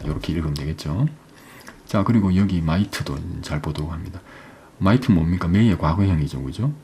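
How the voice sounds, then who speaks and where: A man teaching English, explaining an exam passage step by step, often asking "right?" and reading English phrases slowly. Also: deep voice, a little mellow, a little hiss or hum.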